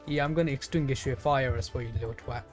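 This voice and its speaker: Soft background music sits behind this medium-pitched man, who talks fast while streaming a video game. He keeps the live commentary casual, playfully addressing the characters and enemies on screen.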